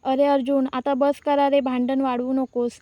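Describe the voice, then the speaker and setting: A woman reading a worried mother begging her quarreling sons for calm in a serial recap. High, level voice, close and dry. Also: moderate pace, no echo, lo-fi sound, close to an everyday voice. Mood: pleading. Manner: pleading.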